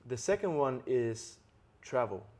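A man's voice: mid-range voice, sing-song, unhurried, a little mellow. A man hosting a podcast interview, explaining ideas earnestly and checking in with frequent tag questions. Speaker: podcast host. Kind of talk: interview conversation.

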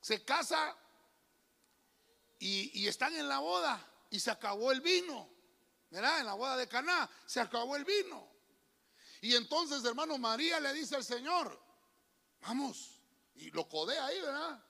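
This pastor's sermon carries an extremely high, sharp voice with vocal fry and wide pitch swings, spoken at normal speed. He calls out to the congregation, repeatedly saying "hermano," while the church hall adds long reverb.

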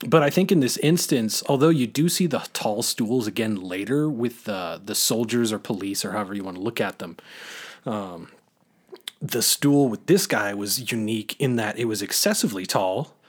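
A man's voice: fairly low pitch, moderate pace, husky. A man co-hosting a podcast, chatting casually about a film, rambling with many fillers and restarts. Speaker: podcast co-host.

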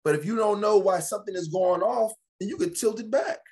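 A man's voice: high-pitched, brisk, a little mellow. A man in a casual podcast conversation, speaking animatedly, often restarting and repeating phrases as he gives advice.

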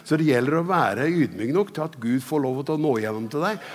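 A man's voice: on the high side, lively intonation. An older man, a pastor, preaching a sermon in a chatty, joking storytelling way. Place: church hall. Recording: long church hall reverb.

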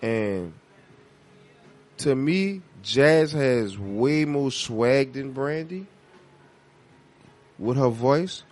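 An American man in a casual, heated music debate, animated and argumentative, with slangy, profane talk. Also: medium pitch, very slow, long pauses.

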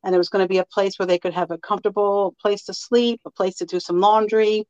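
A woman's voice: medium pitch, fairly even intonation, quick pace, a little mellow, smooth, lo-fi sound. Giggly chatty woman radio host. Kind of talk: casual radio chat.

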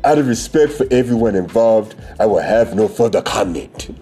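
A man's voice: lowish voice, lively intonation, moderate pace, warm tone, soft background music, pitched below the performer's own voice, lightly acted. A man putting on a Nigerian-accented formal apology. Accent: put-on Nigerian. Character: man reading a public apology.

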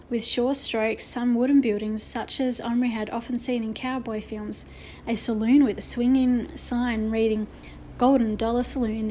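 High-voiced woman reading a children's story. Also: darkish tone, slight background noise. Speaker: audiobook narrator.

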